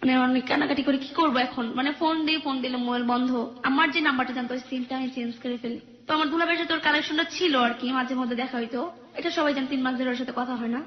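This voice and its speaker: A young woman phones in to tell her life story, rushing through it in a high, quick voice. She acts out the arguments in her family as she goes. The sound is roomy and dull, like a lo-fi recording. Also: fairly even intonation. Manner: rapid, earnest retelling that acts out family quarrels. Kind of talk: personal story told on a call-in radio show.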